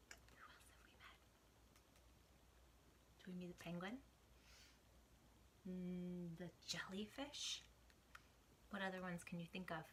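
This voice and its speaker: At storytime, a woman reads a picture book aloud to children, giving it animated, dramatic emphasis and dropping into hushed asides. Her pitch is medium, and there is a little hiss or hum on the recording.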